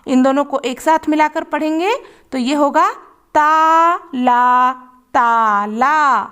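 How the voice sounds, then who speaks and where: A woman's voice: high-pitched, fairly even intonation. A woman teaching children to read, patiently sounding out letters and syllables one by one. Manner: slow, patient, drawing out sounds. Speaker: Hindi reading teacher. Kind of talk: children's phonics lesson.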